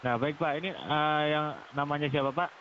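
A man's voice: on the high side, steady tone, normal speed, a crowd in the background. A man speaking over the phone in a formal, insistent, official-sounding way, politely persuading and repeating himself. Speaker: phone scammer posing as a police officer. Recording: hissy, muffled telephone line.

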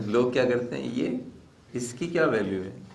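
A man's voice: mid-range voice, expressive, unhurried, creaky, echoey room, slight background noise. A man teaching exam preparation in a casual lecture style, talking conversationally and repeating his key points.

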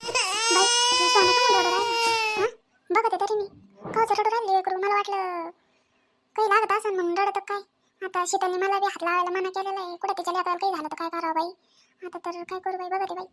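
A woman's voice: extremely high pitch, level tone, quick pace, noisy background. A woman doing a fretful childless young wife. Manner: fretful, mutters to herself. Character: anxious childless young wife, worried and put-upon. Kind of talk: family drama voice acting.

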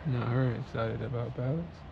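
A truck-driving man talks casually to his camera, laid-back and full of slang. His voice has a gravelly, fried edge. The cab is noisy, with engine and road ambience behind him. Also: mid-range voice, normal speed, lo-fi sound. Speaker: truck driver. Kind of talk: casual vlog talk to camera. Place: inside a truck cab at a warehouse.

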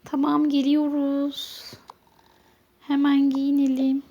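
A woman chatting casually as she plays along with a child, coaxing and gently instructing as a mother does. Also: sits high, completely flat delivery, slow pace, highs cut off. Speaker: mother playing a game with her child on a channel. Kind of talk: casual play-along chat.

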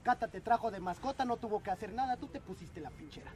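A man's voice: sits high, quick pace, heavy background noise. A young man freestyling teasing, rhythmic rhymes in an outdoor rap battle at night. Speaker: battle rapper. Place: outdoor park at night before a crowd. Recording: loud crowd and beat at an outdoor battle.

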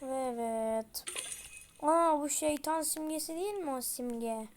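A woman's voice: sits high, slow, a little hiss or hum. A young woman chatting her way through a horror game, slangy and prone to panicky outbursts. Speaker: gameplay streamer. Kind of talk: casual horror game commentary.

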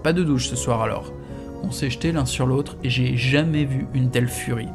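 A man's voice: mid-range voice, moderate pace, over music. A man reading a novel aloud in the first person, in a casual, slangy storytelling manner. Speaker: audiobook reader.

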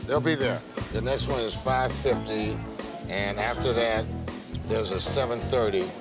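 A man's voice: fairly low pitch, fairly even intonation, unhurried. A middle-aged man talking off the cuff as an airline supervisor, explaining a situation. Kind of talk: spontaneous explanatory talk. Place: large indoor airport gate. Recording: airport gate, loud music behind.

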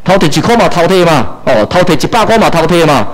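A man's voice: on the high side, big pitch swings, quick pace, pitched above the performer's own voice, poor audio. A man voicing a defiant male church member brushing off his wrongdoing. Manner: dismissive, sing-song repeating.

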